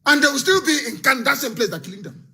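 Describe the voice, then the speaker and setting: A man's voice: very high voice, animated, rapid-fire, sharp tone. A man giving a fiery, scornful political broadcast, full of repetition. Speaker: political activist leader.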